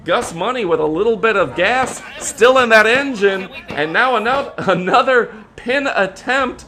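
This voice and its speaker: High-pitched man calling lucha libre wrestling. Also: expressive, a little slow, pushed and bright. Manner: hyped promotional announcing with dramatic exclamations. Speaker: wrestling commentator.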